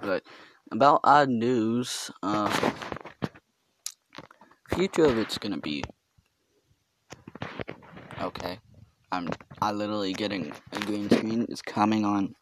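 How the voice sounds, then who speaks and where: A man's voice: fairly low pitch, slow pace, long pauses, background noise. A teenage boy with a stutter rambling through a casual solo podcast in his bedroom, full of fillers and self-interruptions. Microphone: home podcast mic.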